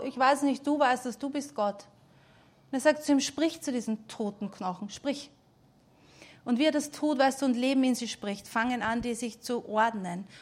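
Woman preacher in her forties, fairly high voice, urgent exhortation that sinks to a hush. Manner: fervent, exhorting, drops to a hush. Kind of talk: sermon.

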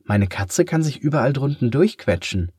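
A man voicing a bold, cheeky schoolgirl who talks bluntly and eagerly in a high, childlike voice. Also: very animated, normal speed, a little mellow, slightly rough, no room sound, studio quality.

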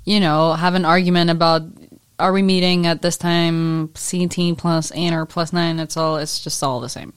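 A woman's voice: on the low side, flat delivery, normal speed, clean tone, no echo, clean studio sound. A young woman co-hosting a podcast, playful and tipsy, laughing often and swearing a little. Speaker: podcast co-host. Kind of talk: casual chat.

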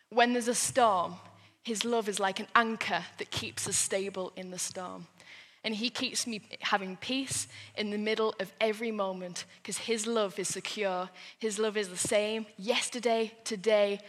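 Bright, lively woman preaching. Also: a little high, in a large hall. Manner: lively, animated, playful with the kids. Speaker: children's church speaker. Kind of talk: sermon to children.

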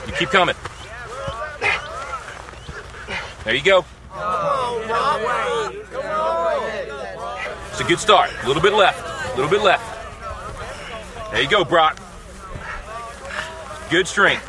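A man's voice: fairly high pitch, expressive, normal speed, pauses often, a crowd in the background, natural voice. An actor playing a demanding football coach who pushes his player with short, repeated commands on an outdoor field. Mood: instructive. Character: demanding, relentless male high school football coach. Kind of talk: film drama acting. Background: film score music.

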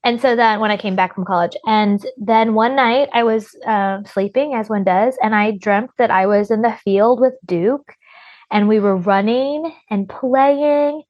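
A woman's voice: a little high, measured pace, no room sound, lo-fi sound. A woman guest on a podcast, telling a personal story in a rambling, chatty way with many restarts.

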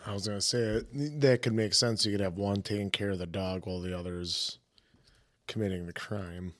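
Low-voiced joking male co-host. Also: fairly even intonation, moderate pace, no echo, studio quality. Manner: joking, chiming in with short comments. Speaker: podcast co-host. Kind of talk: casual chat.

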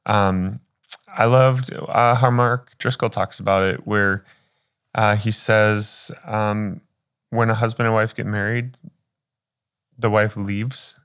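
A man's voice: lowish voice, steady tone, slow pace, a bit bright, clean tone. A man co-hosting a church podcast, joking and talking through his thoughts in a casual chat. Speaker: podcast co-host and pastor.

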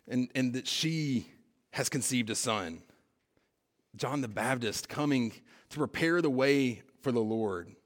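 A man preaching a sermon in a conversational way, building to emphatic peaks and dropping to quiet, stressed lines. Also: mid-range voice, animated, slow. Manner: conversational preaching with fillers and paraphrased dialogue. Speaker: pastor.

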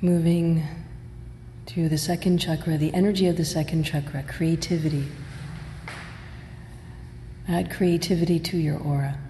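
A woman with a mellow voice leads a guided meditation. She gives measured, soothing instructions and leaves long pauses. The recording has a long hall reverb with faint noise behind it. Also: low-pitched, fairly even intonation. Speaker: meditation and yoga teacher.

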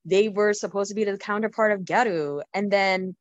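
A woman co-hosting a casual chat, opinionated and quick, on a dull lo-fi recording. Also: medium pitch, no room sound. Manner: opinionated, quick, laughs easily. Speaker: podcast co-host. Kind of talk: casual chat about Japanese pop music. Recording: dull lo-fi sound.

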